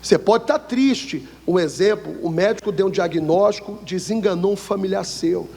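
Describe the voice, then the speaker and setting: A Brazilian man preaches as a pastor in his church, his voice high and husky. He pauses to ask the congregation questions so they can fill in the answers. The recording carries the long reverb of the hall. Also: darkish tone. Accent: Brazilian Portuguese. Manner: call-and-response preaching, asking the congregation to answer. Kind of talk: sermon.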